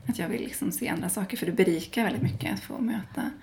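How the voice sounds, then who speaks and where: A woman's voice: mid-range voice, creaky, darkish tone. A woman from Sweden, a guest in a casual interview, talking at length with many fillers and restarts.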